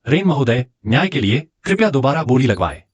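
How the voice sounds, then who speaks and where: A man's voice: mid-range voice, big pitch swings, a little fast, no echo. A man dubbing a drama, voicing an assertive husband. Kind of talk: dubbed drama dialogue.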